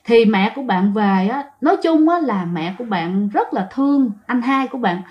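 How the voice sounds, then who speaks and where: A woman narrates ghost stories in a chatty way, often turning to speak to her listeners. Her voice sits fairly high. The recording sounds dull and lo-fi. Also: animated, normal speed. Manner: chatty, addresses listeners directly. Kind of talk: chatty ghost story storytelling.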